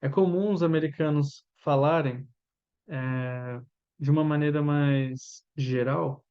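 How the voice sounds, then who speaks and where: A Brazilian man in his thirties with a Brazilian Portuguese accent, an English teacher giving a chatty lesson and drilling pronunciation with slow repeats. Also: a little high, steady tone, darkish tone, clear, resonant tone, highs cut off. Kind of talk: informal language lesson.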